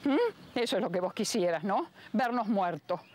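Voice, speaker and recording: A woman's voice: medium pitch, lively intonation, moderate pace, darkish tone, lightly acted. An actress playing a sarcastic Argentine mother who needles her son. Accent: Argentine Spanish. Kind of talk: sitcom acting.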